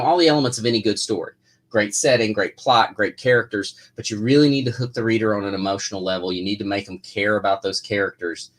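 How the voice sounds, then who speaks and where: A man who writes comics, answering viewer questions in a casual live chat, rambling with lots of fillers and restarts. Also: on the low side.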